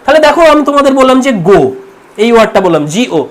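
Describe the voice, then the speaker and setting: Male teacher, from India, rapid delivery, explaining pronunciation and repeating sample words. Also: very high-pitched, expressive. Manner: explanatory, repeats words slowly to model sounds. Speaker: English teacher. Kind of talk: online pronunciation lesson.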